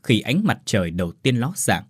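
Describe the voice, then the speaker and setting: A man narrating a ghost story in an expressive, dramatic way. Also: fairly low pitch, moderate pace, husky, no echo, studio quality.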